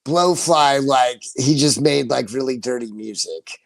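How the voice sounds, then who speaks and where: A man's voice: mid-range voice, a little slow, creaky, no room sound. A man in his forties chatting casually on his livestream, rambling, laughing often and swearing freely. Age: 40s. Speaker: livestream host.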